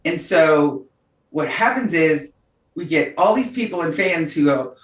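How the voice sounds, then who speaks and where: A woman's voice: low voice, unhurried. Woman telling stories in a roomy echo. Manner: animated storyteller, laughs often. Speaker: podcast co-host. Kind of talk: casual chat. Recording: roomy, distant mic.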